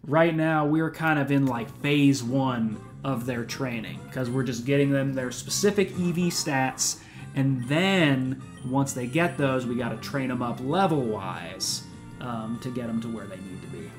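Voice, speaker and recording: A man's voice: mid-range voice, unhurried, soft background music. A man in his twenties giving casual, rambling gameplay commentary on a live stream, full of "um" and easygoing slang. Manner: rambling, laid-back, frequent "um" and slang like "dude" and "man". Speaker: let's play streamer.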